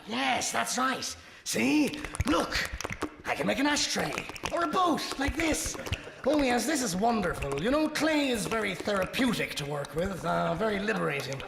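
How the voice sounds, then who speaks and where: Brief: man voicing a grumbling goblin-like sidekick, high, swooping, roomy reverb. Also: moderate pace, noisy background, heavily acted. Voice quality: gravelly, grumbling, excitable. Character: grumbling male Puka spirit, villain's sidekick. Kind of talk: comic radio play. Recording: echoey room with long reverb.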